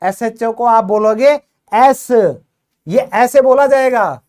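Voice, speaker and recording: A woman teaching English in a video lesson, quizzing her learners and urging quick answers, repeating each word slowly for drill. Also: fairly high pitch, darkish tone. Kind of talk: classroom-style video lesson.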